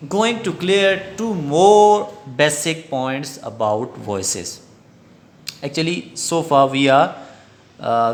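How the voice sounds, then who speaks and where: A male teacher with a Pakistani English accent talks through a grammar lesson at an unhurried pace. His voice sits somewhat high for a man. He repeats each definition word for word so students can follow. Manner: slow, repeats key sentences twice. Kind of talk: recorded lecture.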